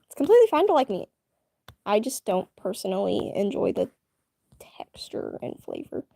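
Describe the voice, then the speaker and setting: Chatty young woman with a lively voice. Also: mid-range voice, a little fast, vocal fry. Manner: rambling, chatty, full of fillers and restarts. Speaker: streamer chatting with viewers. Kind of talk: casual live-stream chat.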